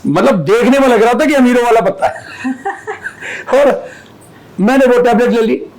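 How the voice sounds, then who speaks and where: A man's voice: extremely high pitch, unhurried, a little mellow, rough recording. A man speaking as an astrologer guest on a podcast, explaining steadily with everyday examples from family and school life.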